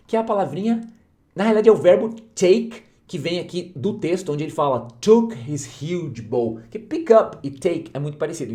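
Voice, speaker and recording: A man teaching English to learners in a casual online lesson, checking in often with short questions and repeating key phrases slowly. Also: a little high, a little mellow.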